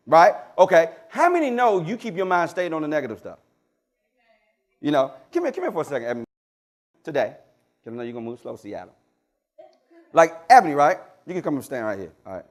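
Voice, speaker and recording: A male pastor preaches in church, putting questions to his congregation and calling for their answers. His delivery swings from loud, emphatic lines to quiet, low asides.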